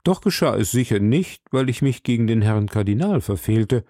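A timid, frightened middle-aged shopkeeper, as a male reader voices him, hesitant and pleading. The voice is gravelly and sits at an ordinary male pitch, heard close in a dry recording. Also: lively intonation, normal speed, warm tone, no room sound, lightly acted. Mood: anxious.

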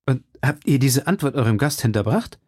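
A man voicing a courteous young cavalier in an audiobook reading, speaking in a calm, reassuring way. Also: mid-range voice, brisk, breathy edge, no room sound, studio quality. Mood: assured.

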